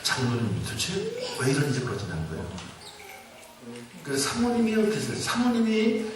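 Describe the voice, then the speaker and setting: A man's voice: on the high side, wildly swooping pitch, fast talker. Man in his sixties, church elder, joking storytelling sermon, heavy hall echo, background noise. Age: 60s. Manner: jokey storytelling, asks the audience questions. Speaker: church elder giving a guest talk. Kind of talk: humorous sermon-lecture to a congregation. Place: large church sanctuary. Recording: very echoey hall, mic far off, noisy.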